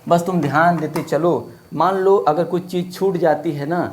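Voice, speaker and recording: A man's voice: on the high side, fairly even intonation, normal speed. A man teaching a Hindi grammar lesson in a casual, friendly manner, asking questions and repeating words for drill. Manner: casual, friendly classroom talk. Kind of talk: online class lesson.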